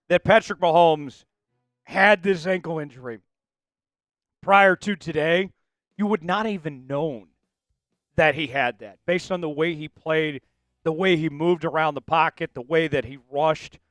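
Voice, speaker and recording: A man's voice: sits high, a bit bright, dry recording. A man hosting a casual live-stream sports show, talking energetically and rambling straight to his viewers.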